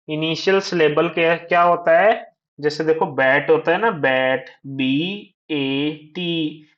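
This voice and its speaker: A man teaching young children, slowly drawing out and repeating words for them to copy. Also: fairly high pitch. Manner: slow drawn-out repetition of words for children. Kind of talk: children's lesson. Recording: dull lo-fi sound.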